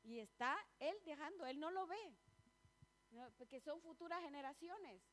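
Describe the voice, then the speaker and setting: High-voiced woman preaching, chatty and personal. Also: animated, normal speed, fairly bright tone. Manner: chatty and personal, asks the congregation questions; laughs often between points. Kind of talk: sermon. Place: church.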